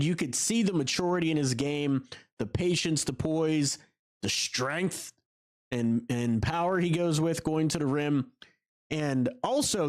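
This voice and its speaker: A man hosting a casual basketball podcast chat, animated and quick to laugh, talking in long runs. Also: fairly high pitch.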